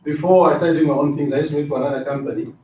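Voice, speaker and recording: In an echoey training classroom, a middle-aged Zambian trainer delivers a casual, very fast lecture in a slightly high voice with fairly even intonation. He repeats words and keeps checking in with "right?" The distant mic gives a dull sound with slight background noise.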